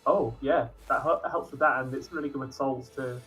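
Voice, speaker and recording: A man chatting casually as a co-op partner in a gameplay stream, relaxed and quick to laugh. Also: medium pitch, slightly rough, soft background music. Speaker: co-op game partner.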